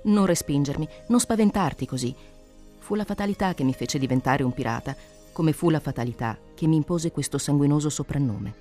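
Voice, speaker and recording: A proud male pirate chief, put on by a reader, passionate and declaiming with fervour in a dramatic storybook reading. The voice is dark and mellow and keeps rising higher and louder. Faint music plays behind it. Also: a little fast, natural voice. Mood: pleading. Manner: fervent declaiming. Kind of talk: dramatic reading of an adventure novel.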